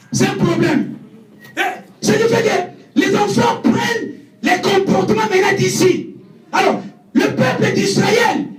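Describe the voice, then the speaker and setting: A man preaching a sermon, shouting with passion and dropping low for asides. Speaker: evangelist preacher. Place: church hall. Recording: echoey church from far off.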